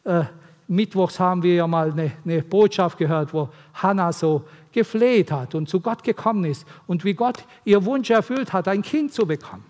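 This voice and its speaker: A man's voice: sits high, moderate pace, darkish tone. A man preaching an earnest, pleading sermon to mothers in a church, his delivery swelling and dropping. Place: church hall. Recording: long hall reverb.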